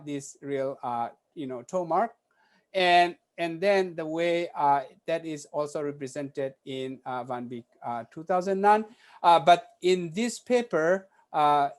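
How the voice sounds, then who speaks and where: A man giving an academic conference talk, halting and filling pauses with many "uh" sounds. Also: on the high side, clear, resonant tone. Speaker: conference presenter.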